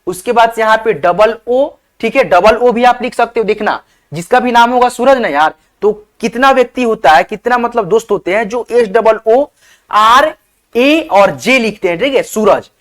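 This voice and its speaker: A man's voice: very high-pitched, moderate pace, a bit bright. A man teaching a beginners' spelling lesson, sounding out words letter by letter, often checking in with "theek hai" and calling viewers his friends. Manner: addresses viewers as friends, asks them to comment. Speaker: online teacher.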